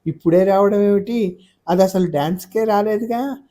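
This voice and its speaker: A man doing a brisk young daughter. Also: sits high, mellow, pitched above the performer's own voice, natural voice. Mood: puzzled. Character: young woman, lively carefree daughter.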